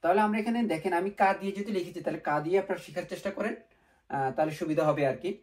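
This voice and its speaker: A man's voice: sits high, very fast, darkish tone. A man teaching a beginner lesson step by step, patiently repeating each sound and asking rhetorical questions, with English words slipped into his speech. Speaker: language teacher.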